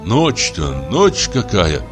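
A man's voice: on the low side, wildly swooping pitch, takes it slowly, over music, full character voice. A man reading a story aloud, voicing a bold, impatient hunter who speaks in curt commands. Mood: alarmed.

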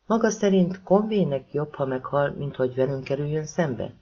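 A man voicing a tough woman police detective, speaking in a sharp, cutting way, in an audiobook reading. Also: on the high side, expressive, dull audio.

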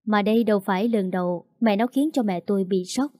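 A woman's voice: mid-range voice, fairly quick, warm tone, dry recording, clean studio sound. A woman narrating a first-person story as the older sister, speaking firmly and indignantly. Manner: firm, indignant, scolding.

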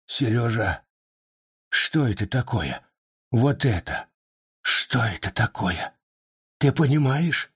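A man voicing an old male street performer who pleads helplessly, with a croaky falsetto when he calls out. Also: very animated, a little slow, dry recording, studio quality, exaggerated voice. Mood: dismayed, helpless. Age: older.

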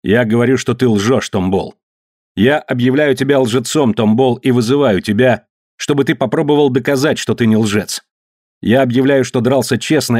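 A man voicing a fierce young male savage who shouts commands and challenges the group's leader. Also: medium pitch, breathy edge, no room sound, studio quality, close to an everyday voice.

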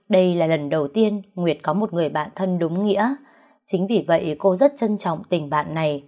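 A woman narrating an emotional drama story in a calm, even way. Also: fairly low pitch. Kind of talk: scripted narration.

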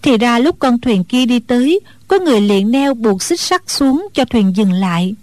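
A woman reads a storybook aloud in a steady, even storyteller's manner. Her voice sits a little high and sounds dry and close to the mic. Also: normal speed, no echo. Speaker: audiobook narrator. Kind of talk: scripted storybook narration.

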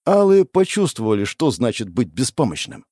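Expressive male audiobook narrator. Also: mid-range voice, moderate pace, no room sound, clean studio sound. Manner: expressive storytelling, voicing the characters. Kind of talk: dramatic fiction narration.

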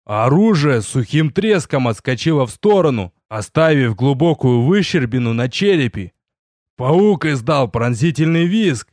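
A man narrating a first-person fantasy story in an audiobook, telling it with lively storytelling and voiced dialogue. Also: medium pitch, measured pace, dry recording, studio quality.

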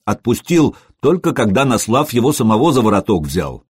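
A man's voice: medium pitch, sing-song, normal speed, husky, no room sound, clean studio sound. A man voicing a young warrior telling his lord plainly what happened. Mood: matter-of-fact.

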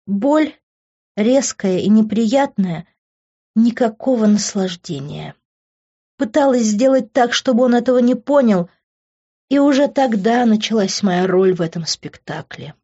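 A woman narrating a first-person audiobook in a steady, emotionally shaded reading. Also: fairly high pitch, unhurried, husky. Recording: slightly dull lo-fi audio.

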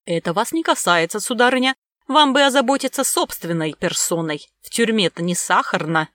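A woman's voice: mid-range voice, animated, moderate pace, fairly bright tone, dry recording, studio quality, natural voice. A woman playing a stern, cold government clerk. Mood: lecturing. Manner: stern, lecturing.

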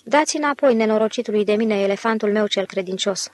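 Woman doing a wailing fake viceroy. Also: extremely high pitch. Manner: stubborn, wailing demands. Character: pompous male accountant playing a mad viceroy.

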